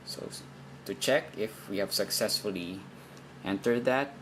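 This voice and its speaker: Working hands-on and unscripted, a man shows how to program a radio, thinking aloud with hesitant wording in a fairly low voice at a measured pace. The amateur recording is noisy, with steady background noise throughout.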